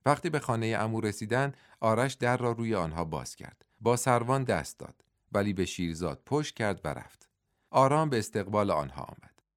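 A man narrating an audiobook in a measured storytelling manner. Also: fairly low pitch, sing-song.

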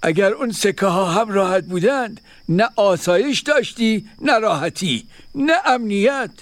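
A man's voice: high-pitched, expressive, dry recording. A man voicing a kindly, wise wandering dervish who reassures his companion in an audio story. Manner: gentle, reassuring, unhurried. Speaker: second dervish.

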